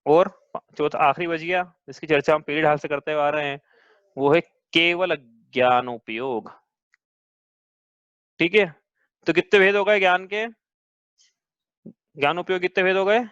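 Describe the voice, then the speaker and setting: A man with a high voice leads a scripture class, explaining point by point and checking his students with questions. The sound is dull and lo-fi, dry with no room echo. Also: measured pace, long pauses, a bit bright, smooth. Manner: patient, asks students questions. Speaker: teacher. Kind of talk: religious class lecture.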